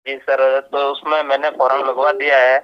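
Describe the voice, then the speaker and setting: A man calls in as a job aspirant, speaking deferentially and hesitantly and often saying "sir." His voice is medium-pitched, level, clear, and resonant at a moderate pace, though the phone call recording sounds dull and lo-fi.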